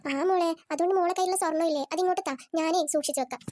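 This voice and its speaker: Performer doing a sly bossy cartoon mother-in-law, very high and mellow. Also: fairly even intonation, racing, a little hiss or hum. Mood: coaxing, scheming. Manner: fussing, coaxing, then shrill and alarmed. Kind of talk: cartoon voice acting.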